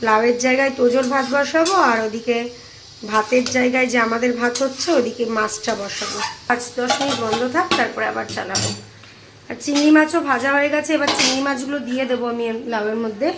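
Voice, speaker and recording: A woman's voice: a little high, background noise. A woman from India chatting through her home cooking for a vlog, describing each step to viewers in a kitchen. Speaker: vlogger. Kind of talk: casual cooking vlog narration.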